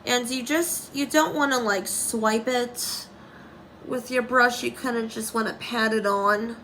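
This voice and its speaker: A woman's voice: on the high side, fairly even intonation, measured pace, bright, forceful tone, slight background noise, poor audio. A young woman talking through a casual makeup tutorial, rambling and commenting on herself, with dry sarcastic asides.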